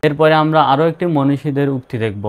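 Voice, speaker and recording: A man teaching an online spelling lesson, slowly spelling words out letter by letter in a patient way. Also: fairly high pitch. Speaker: English teacher.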